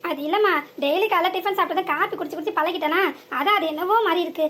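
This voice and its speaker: A woman's voice: very high-pitched, quick pace. A woman voicing a meek young village husband in a cartoon, with a southern Tamil accent and a placating way of talking. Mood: explaining. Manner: placating, pleading for quiet. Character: meek young village husband caught between wife and mother. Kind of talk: cartoon voice acting.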